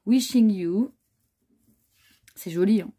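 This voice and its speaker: A woman's husky, dark-toned voice sits in the mid range and moves slowly. As a vlogger, she casually displays a handmade scrapbook album, chatting with lots of fillers and admiring remarks.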